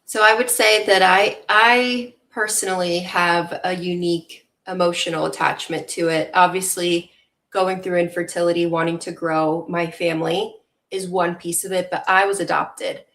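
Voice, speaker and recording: Earnest young woman, lowish voice. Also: fairly even intonation, normal speed, fairly bright tone. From Venezuela. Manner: earnest, reflective, many fillers. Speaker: guest. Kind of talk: casual interview talk.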